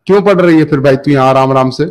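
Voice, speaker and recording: A man hosting a heated online debate stream, badgering and insulting his opponent. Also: medium pitch.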